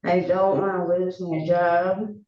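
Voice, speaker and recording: Slow, hesitant defendant, distant and echoey. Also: medium pitch, level tone. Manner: hesitant, halting, apologetic. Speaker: defendant in court. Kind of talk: pleading explanation to a judge. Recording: distant, echoey, muffled courtroom audio.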